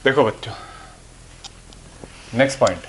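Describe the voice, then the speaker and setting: A man's voice: mid-range voice, normal speed, fairly bright tone, slight background noise. A man teaching physics to students, explaining patiently and answering his own questions as he goes. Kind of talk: classroom lecture. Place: classroom or room with a board.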